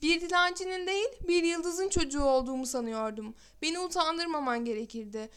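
A woman's voice: sits high, brisk, natural voice. A woman voicing a proud, cruel young boy in a storybook reading, with a scornful, sneering way of talking.

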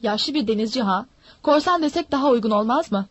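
A woman's voice: on the high side, animated, a little fast, no room sound. A woman voicing a stern father who answers curtly and seriously. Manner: curt, serious. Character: grim, stern father, curt.

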